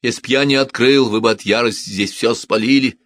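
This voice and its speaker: A man's voice: medium pitch, steady tone, a bit bright, no echo, studio quality, voice pushed up, close to an everyday voice. Man voicing a pleading resigned farmer. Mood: reasoning. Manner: pleading, measured. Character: old farmer, calm and resigned.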